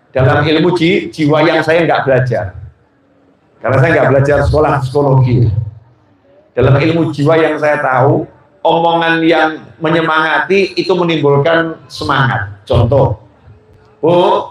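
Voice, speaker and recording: A man with a Javanese accent giving a jokey sermon, teasing his congregation with questions. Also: fairly high pitch. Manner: jokey, keeps asking the audience questions. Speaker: preacher. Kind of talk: humorous sermon to a live congregation. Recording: very echoey hall.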